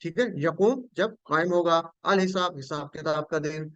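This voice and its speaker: A man's voice: fairly high pitch, moderate pace, a bit bright, no room sound, highs cut off. A man teaching a Quranic Arabic lesson, patiently repeating each word and quizzing his students.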